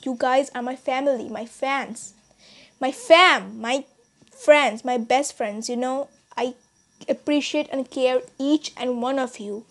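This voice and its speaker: A teenage Indian YouTuber with an Indian accent chats casually to her subscribers from a small bedroom, rambling with lots of restarts and fillers. Her voice sits high and moves at a slow pace.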